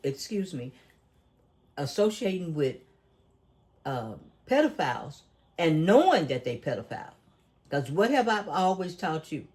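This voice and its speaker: A man's voice: fairly high pitch, very animated, unhurried, long pauses, a little mellow. A man hosting a casual talk show, preachy and emphatic, who often asks leading questions. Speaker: podcast host. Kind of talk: casual conversational commentary.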